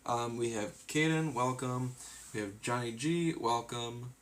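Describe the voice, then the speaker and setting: A sleepy, yawning man chats casually on a live stream, rambling through his plans with lots of fillers and sounding tired. His voice is medium-pitched and a bit bright, and he speaks a little slowly.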